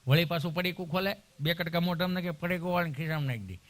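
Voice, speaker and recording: Man, high-pitched voice, stand-up comic, punchy storytelling. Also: racing. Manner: animated, punchy, anecdotal delivery. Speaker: comedian.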